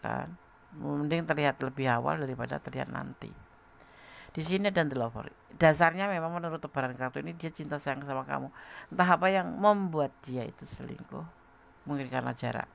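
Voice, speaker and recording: Very gravelly man reading tarot. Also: on the high side, fairly quick, a bit bright. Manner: chatty, laughs often, speaks straight to the listener. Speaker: tarot reader. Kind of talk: casual tarot reading to a viewer.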